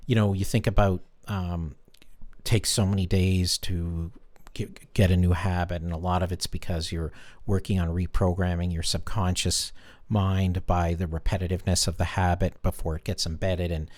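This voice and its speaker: A man's voice: low-pitched, level tone, normal speed, a little mellow, no room sound. A man hosting an interview, asking long, rambling questions with frequent hesitations. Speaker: host.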